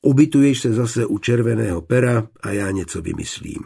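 A man's voice: medium pitch, animated, vocal fry, mellow, husky. A man reading an audiobook, voicing an earnest, caring young male student. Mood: concerned. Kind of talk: audiobook character voice.

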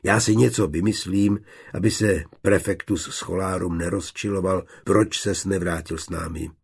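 A man's voice: sits low, fairly even intonation, gravelly, breathy edge, exaggerated voice. A man voicing a good-natured young student. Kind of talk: audiobook character voice.

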